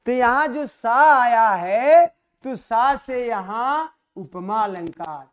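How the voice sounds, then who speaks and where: A male Hindi teacher giving an exam-prep lesson on poetry, calling his students dear children and asking them questions that he answers himself. He reads the verse lines slowly, stressing each word. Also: very high-pitched, lively intonation, clean tone.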